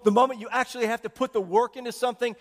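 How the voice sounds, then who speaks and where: A man's voice: very high voice, steady tone, racing, long reverb tail. A male pastor preaching a conversational sermon and asking the congregation questions. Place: church sanctuary.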